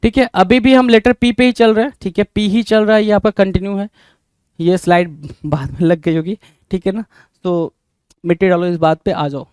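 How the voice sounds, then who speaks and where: A man with an Indian accent teaches English words, mixing Hindi and English and asking his class the same question again and again. His voice sits high and sounds smooth and clear. The sound is dry and close, with no room echo. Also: fairly even intonation, moderate pace, a little mellow. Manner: repeats questions to students, calls them brother. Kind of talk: Hindi-English vocabulary lesson.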